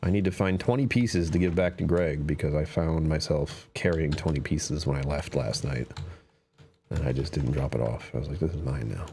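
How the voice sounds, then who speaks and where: A man's rumbling low, darkish voice moves at a moderate pace as he plays a survival game on a live stream. Slightly strained, he muses aloud to himself in a chatty way and fades into whispers.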